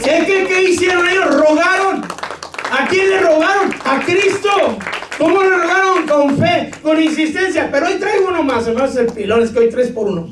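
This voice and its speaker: A male pastor preaching a sermon, shouting scripture and joking with his congregation. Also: very high-pitched, normal speed, noisy background. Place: church hall. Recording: echoey room, far from mic.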